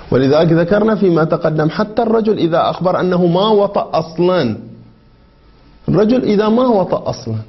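A man with a somewhat raised voice gives a seminary lecture on a legal text. He reads quoted passages slowly, then explains them through leading questions that he answers himself. The recording is dull and lo-fi. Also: a little high. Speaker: religious jurisprudence teacher.

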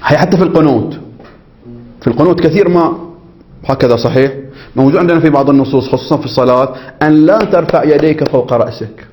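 A man's voice: a little high, fast talker, darkish tone. A man teaching a jurisprudence lesson, reading from a text and explaining it, often checking that his students follow and acting out phrases several ways. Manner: explanatory, keeps checking understanding with the class; demonstrates and repeats phrases in different ways. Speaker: religious teacher.

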